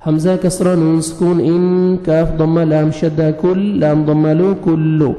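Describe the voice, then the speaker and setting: Man teaching slow Quran recitation, echoey. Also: fairly high pitch, level tone, warm tone. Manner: spells letters and vowel marks one by one, then chants the word slowly. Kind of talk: slow spelled-out recitation lesson. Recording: echoey room with long reverb.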